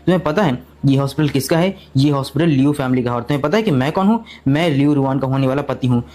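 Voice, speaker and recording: A man's voice: mid-range voice, fast talker, a little mellow, natural voice. A man voicing an arrogant young male doctor who talks in a boastful, insistent way in a storybook recap. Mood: domineering.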